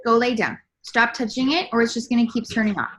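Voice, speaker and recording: Woman running a team video call, fairly high voice, chatty and distracted by kids at home. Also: quick pace. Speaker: team leader hosting a call. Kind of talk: casual video call chat.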